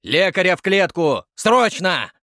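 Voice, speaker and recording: A man's voice: mid-range voice, sing-song, moderate pace, darkish tone, no room sound. Male narrator as steely showman curator, commanding, close dry sound. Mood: exclaiming. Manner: theatrical, commanding.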